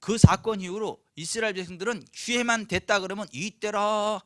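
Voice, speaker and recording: A man's voice: high-pitched, fairly quick, sharp tone, no room sound, studio quality. A male pastor preaching a sermon at a church service, emphatic and full of rhetorical questions. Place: church, Friday night service.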